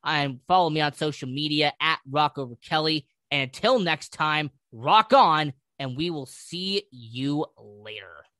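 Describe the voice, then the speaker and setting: A man hosts a sports talk show at a slow, deliberate pace. He argues emphatically and questions his listeners directly, in a dry recording with little room sound. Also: on the high side, lively intonation, pushed and bright, no room sound.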